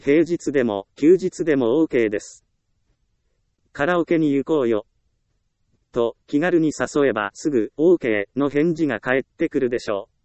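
In a calm, measured delivery broken by frequent short pauses, a mid-range male voice reads a self-help script. No echo is present.

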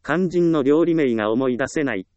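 A man calmly narrating a self-help book, reading advice in an even, instructive way. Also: mid-range voice, moderate pace, dry recording, muffled recording.

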